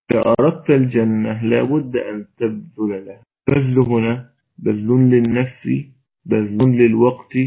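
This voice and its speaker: Egyptian male preacher, earnest exhorting delivery, husky and strained, lo-fi phone-line quality. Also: medium pitch. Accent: Egyptian Arabic. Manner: mixes formal Arabic with colloquial, earnest and exhorting. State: straining to raise a weak voice. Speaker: preacher answering questions. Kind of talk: religious lesson with Q&A. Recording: tinny phone-like audio.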